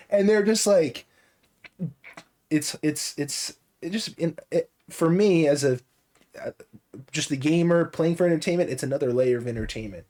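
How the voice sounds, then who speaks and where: A man's voice: a little high, a little mellow. A man co-hosting a casual podcast, talking at length with many restarts and fillers. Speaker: podcast co-host. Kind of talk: casual chat.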